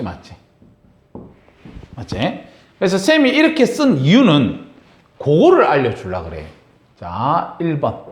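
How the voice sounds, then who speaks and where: Guy teaching a class, high voice that swings all over, keeps asking students if they got it, echoey room. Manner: lively, asks students frequent check-in questions. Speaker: science teacher. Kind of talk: classroom lecture.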